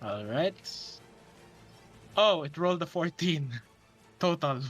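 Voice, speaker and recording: Higher-pitched man running a tabletop game. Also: expressive, slow, fairly bright tone, dull audio, faint music behind. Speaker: game master. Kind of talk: improvised tabletop game narration.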